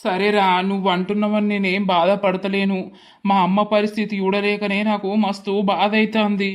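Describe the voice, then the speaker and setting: A woman's voice: medium pitch, level tone, moderate pace, natural voice. A woman voicing a young male college student, talking in a sorrowful, complaining way for a village cartoon.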